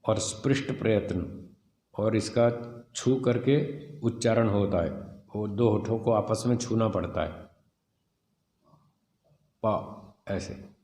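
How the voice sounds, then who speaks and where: A man teaching a scripture class, reading a passage and explaining it slowly, sounding out letters one by one. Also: on the low side, mellow, echoey room, in a large hall. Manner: slow, deliberate, spells out sounds and letters. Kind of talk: explanatory lesson reading and commenting on a text.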